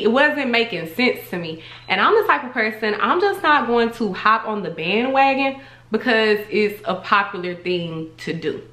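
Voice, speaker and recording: A woman's voice: mid-range voice, bright, forceful tone, reverberant. A young woman, giving her opinion in a chatty, emphatic vlog and repeating herself for stress. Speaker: vlogger.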